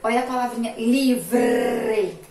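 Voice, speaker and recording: A woman from Brazil teaching a phonics lesson to young children, speaking slowly and emphatically, repeating sounds and words. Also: on the high side, a little mellow, faint music behind. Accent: Brazilian Portuguese, Sergipe. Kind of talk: remote school phonics lesson. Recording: echoey room, distant mic, faint noise.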